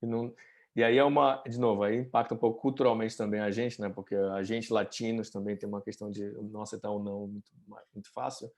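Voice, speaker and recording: A man, a guest chatting casually over a video call with many fillers. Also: fairly low pitch. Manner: fast, relaxed, many fillers. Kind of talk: casual interview chat.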